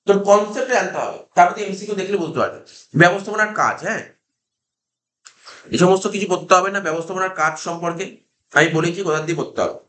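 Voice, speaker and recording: A man's voice: high voice, fast talker, sharp tone, echoey room. A man with a Kolkata Bengali accent, lecturing a class and drilling students with repeated questions. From India. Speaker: teacher.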